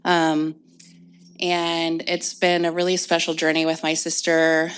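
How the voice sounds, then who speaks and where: A woman with a low, steady voice reads her poems to a live audience. Her delivery is slow and measured, with soft pauses between lines. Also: clean tone. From Indianapolis, United States. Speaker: poet reading her work. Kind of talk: live reading and talk before an audience. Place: event space with an audience.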